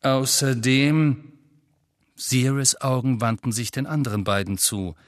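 Calm male audiobook narrator. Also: mid-range voice, normal speed, no room sound, studio quality. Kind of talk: scripted narration.

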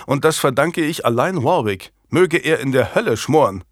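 A man's voice: mid-range voice, lively intonation, normal speed, dry recording, studio quality, pitched above the performer's own voice, close to an everyday voice. A man voicing a scornful, imperious middle-aged queen in a historical audiobook, speaking sharply and mockingly. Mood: bitter.

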